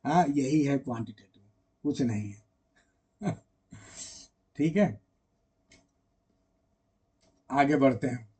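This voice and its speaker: A man's voice: medium pitch, slow, long pauses, dark tone, slightly rough. A man teaching literature in a casual online lecture, chatting directly with his students and drawing out words when he sings an example.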